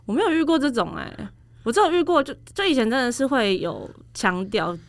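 A woman with a Taiwanese accent chatting casually as a podcast co-host, explaining things and gently objecting. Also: fairly high pitch, big pitch swings, brisk, no echo. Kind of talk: casual chat.

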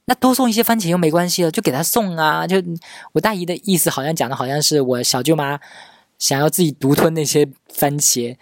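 A man's voice: fairly high pitch, no room sound, studio quality. A man in his thirties hosting a podcast, telling a family story in a chatty, casual monologue. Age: 30s. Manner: chatty, acts out relatives' quoted lines. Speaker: podcast host.

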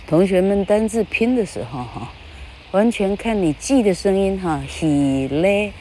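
A woman with a Taiwanese Mandarin accent, chatting casually as an English teacher, often laughing and spelling words out slowly. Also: sits low, warm tone, slight background noise.

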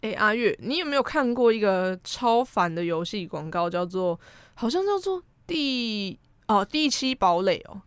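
A woman's voice: mid-range voice, sing-song, moderate pace, clear, resonant tone, no echo. Young Taiwanese Mandarin woman, close dry recording. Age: young adult. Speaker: podcast co-host. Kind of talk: casual chat about anime and pop culture.

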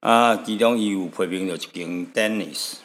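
A man from Taiwan hosting a radio show, telling stories in a rambling, relaxed way with frequent chuckles and tag particles. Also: low-pitched, moderate pace, big-room sound. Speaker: radio host. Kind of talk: chatty radio storytelling. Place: radio studio.

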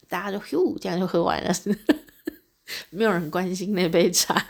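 A woman hosting a podcast, telling personal stories in a chatty way, laughing often and acting out little conversations. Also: lowish voice. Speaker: podcast host. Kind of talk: personal reflective monologue.

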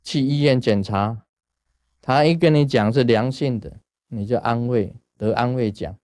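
A man from Taiwan, giving a casual Buddhist talk in a lively storytelling way and chuckling at his own jokes. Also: mid-range voice, unhurried, no room sound, clean studio sound. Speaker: Buddhist teacher.

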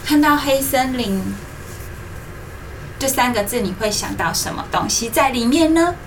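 A woman hosts a children's story programme, reading as if to a toddler, in animated simple phrases with coaxing questions. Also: high-pitched, unhurried, recorded from a distance, slight background noise, poor audio. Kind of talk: interactive storytelling to young children, asking questions. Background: music.

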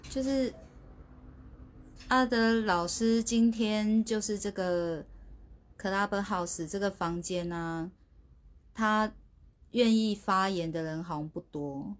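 A woman's voice: mid-range voice, steady tone, takes it slowly, long pauses. Chatty woman livestreaming. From Taiwan. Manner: chatty, sheepish, stumbling restarts. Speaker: livestream host. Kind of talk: casual livestream chat. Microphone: phone.

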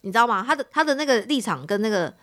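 A woman in her thirties hosts a casual podcast chat. She talks quickly with a lively, wide-ranging pitch, jumping high when she acts out what others said. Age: 30s. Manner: animated, acts out quotes of family with big pitch jumps. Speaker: podcast host.

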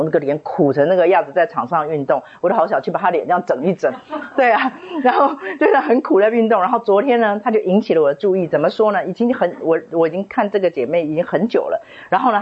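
Woman, animated storyteller leading a small group, lowish husky voice on a muffled recording. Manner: animated storyteller who acts out quoted voices. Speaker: book club leader. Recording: dull lo-fi recording.

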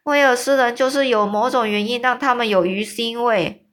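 A woman voicing a huge, boisterous male giant who teases loudly and draws out his exclamations. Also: fairly even intonation, natural voice. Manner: booming, boisterous, drawn-out exclamations.

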